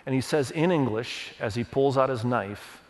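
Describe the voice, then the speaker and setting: A middle-aged pastor who grew up in Indonesia, speaking Indonesian as his first language, preaches a sermon blending personal stories with scripture. His mid-range voice carries an earnest storytelling manner that leans on verses, with quick restarts. A long hall reverb colors the recording.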